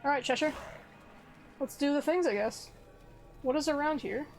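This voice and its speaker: High-voiced woman chatting while gaming. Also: normal speed. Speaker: game streamer. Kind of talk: casual chat while playing a game. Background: faint game music.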